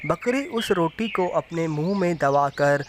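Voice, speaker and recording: A man narrating a children's fable in a simple, measured storytelling manner. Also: a little high, lively intonation, noisy background.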